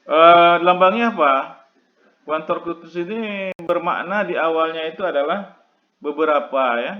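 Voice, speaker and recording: A man giving a casual math lecture, checking in often with listeners and filling pauses with "eh" and "oke ya". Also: on the high side, muffled recording. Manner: checks in constantly with listeners, many fillers.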